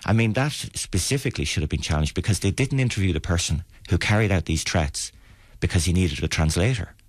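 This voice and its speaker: Irish male campaigner, deep dry voice, plain-spoken and insistent interviewee. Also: animated, brisk, no echo. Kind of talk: radio interview.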